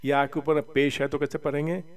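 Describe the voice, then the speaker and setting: A man leads a lesson in reading the Quran, spelling each syllable out slowly and stretching it, then rushing through short explanations. His voice is clean and resonant. It sounds slightly distant from the mic. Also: on the high side, little pitch movement. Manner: slow drawn-out syllable spelling, quick asides of explanation.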